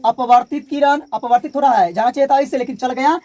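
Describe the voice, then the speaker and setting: Speaking fast with fairly even intonation, a male physics teacher gives a classroom lecture in a very high, slightly mellow voice marked by a Bihari Hindi accent. He repeats important terms and asks the students to call them back.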